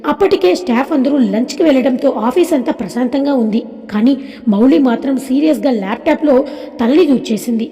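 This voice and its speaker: High, mellow woman storyteller. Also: brisk, long reverb tail. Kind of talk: scripted narration of a serialized story.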